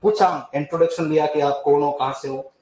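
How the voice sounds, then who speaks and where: A man tells a folk legend to a class, chatty, with asides and questions to the students and frequent throat clearing. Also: on the high side, fairly even intonation, a little fast, a little mellow, roomy sound, rough recording. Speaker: teacher. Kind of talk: storytelling lesson on folk deities.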